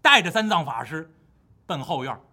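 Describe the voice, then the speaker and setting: A man telling a classic tale in the traditional Chinese storytelling style, animated, dramatic and rhythmic. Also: on the high side, moderate pace.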